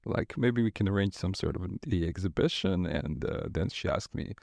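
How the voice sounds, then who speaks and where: Laid-back man, fairly low voice. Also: moderate pace, creaky, no room sound. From Croatia. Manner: relaxed, rambling with frequent fillers and laughs. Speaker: guest artist. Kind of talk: casual interview talk. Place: studio.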